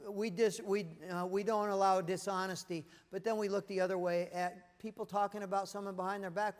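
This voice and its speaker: A man giving a live motivational presentation to a leadership audience, telling stories with lively, acted-out voices. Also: high voice, in a large hall. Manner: animated storytelling, acting out voices. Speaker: motivational speaker. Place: conference room with leadership audience.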